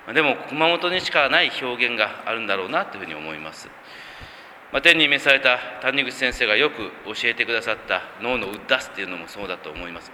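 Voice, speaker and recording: A pastor from Kumamoto, Japan, preaching in a calm, measured way and reading scripture, with many soft filler words. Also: male voice, mid-range voice. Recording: reverberant hall, faint traffic noise.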